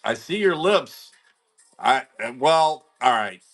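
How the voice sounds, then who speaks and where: A man's voice: on the high side, lively intonation, slow pace, fairly bright tone, soft background music. A man hosting a live card-breaking stream, chatting casually in slang and greeting viewers by name. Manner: laid-back, slangy, talks to viewers by name. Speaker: card-breaking livestream host.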